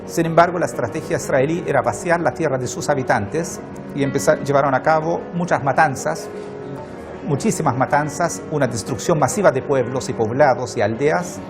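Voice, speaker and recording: A man from Palestine giving interview testimony in a documentary, halting and full of fillers, with music underneath. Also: a little high.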